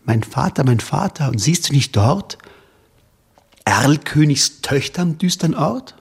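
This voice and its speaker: A man's voice: fairly high pitch, animated, a little slow, creaky, husky, voice pushed up, exaggerated voice. A man voicing a terrified young boy who cries out to his father in urgent, pleading calls. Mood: frightened.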